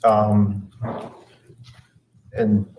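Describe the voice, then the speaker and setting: A man in his forties from Poland with a Polish accent, giving quiet, hesitant testimony as a witness in a courtroom. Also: lowish voice, monotone, very slow, a little hiss or hum, poor audio. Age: 40s. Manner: quiet, hesitant, short answers.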